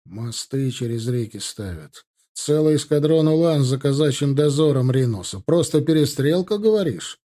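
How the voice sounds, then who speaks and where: A sarcastic, grizzled army officer in an audiobook, read by a man. His voice lifts sharply on the mocking lines. The tone stays mellow underneath. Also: mid-range voice, expressive, normal speed, hardly any pauses, close to an everyday voice.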